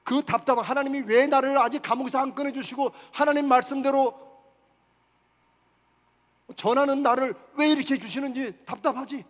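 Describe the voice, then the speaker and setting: A man with a strikingly high voice delivers a sermon in a church sanctuary. He keeps putting questions to his listeners and then answers them himself. Long reverb from the hall trails after each phrase. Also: steady tone, moderate pace, a bit bright. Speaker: pastor.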